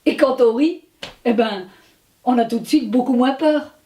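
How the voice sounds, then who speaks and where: A woman telling a children's story in an expressive way, dropping into whispers for suspense. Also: on the high side, unhurried.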